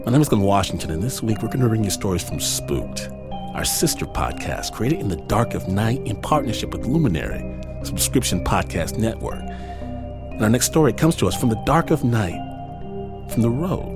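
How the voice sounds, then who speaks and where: A male radio host narrates in a theatrical, playful way. His voice sits low, with music clearly playing behind it, and his scripted storytelling has a teasing edge. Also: big pitch swings, moderate pace.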